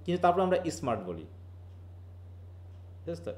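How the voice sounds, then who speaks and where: A man's voice: a little high, sing-song, a little fast, darkish tone. A man from Bangladesh teaches linguistics in a live online class. He explains patiently, mixes in English terms, and keeps asking his students questions.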